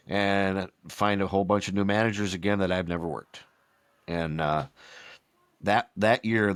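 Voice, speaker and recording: A man's voice: fairly low pitch, clear, resonant tone, no room sound. A man in his sixties, a retired baseball umpire, telling long rambling stories as a podcast guest and acting out what others said. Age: 60s. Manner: rambling anecdotal storyteller, acts out quotes. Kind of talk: storytelling in a casual podcast chat.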